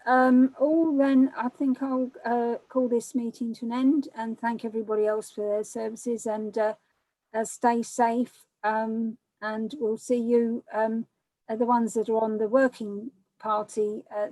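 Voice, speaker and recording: An English woman chairs a panel meeting in a brisk, informal way, pausing on fillers now and then. Her voice sits fairly high. The sound is dry and close. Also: level tone, darkish tone, dry recording, rough recording.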